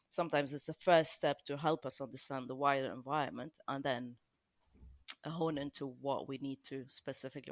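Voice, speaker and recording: A Lebanese woman with an extremely low voice is a guest archaeologist on a podcast. She explains things at length, often restarting sentences and saying "you know". The recording is dry.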